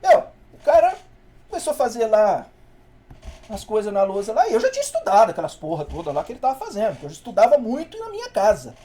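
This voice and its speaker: Animated, fast-talking male professor. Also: high-pitched. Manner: slangy, animated storytelling with acted-out quotes. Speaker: university professor. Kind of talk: casual anecdote told in class.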